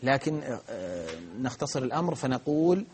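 A man's voice: mid-range voice, big pitch swings, moderate pace, darkish tone, slightly rough. A man teaching a grammar lesson, explaining patiently step by step, with frequent restarts and fillers. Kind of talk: live grammar lesson with questions.

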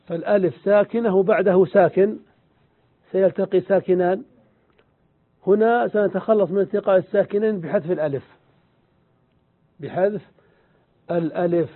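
A man giving a grammar lesson, explaining slowly and deliberately, repeating examples and answering his own questions. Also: high voice. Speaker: Arabic grammar teacher. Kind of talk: lecture. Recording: tinny phone-like sound.

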